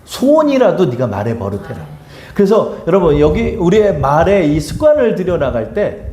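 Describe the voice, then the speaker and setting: Middle-aged man, pastor, sermon, animated storytelling, mellow voice, echoey church. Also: fairly high pitch, moderate pace. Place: church sanctuary.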